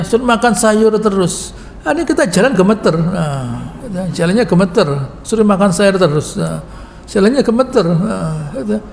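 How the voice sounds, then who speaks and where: A man's voice: high voice, vocal fry. A man preaching a folksy, joking sermon with Quran commentary in a mosque, full of asides and chuckling at his own jokes. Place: mosque hall. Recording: reverberant mosque hall with faint noise.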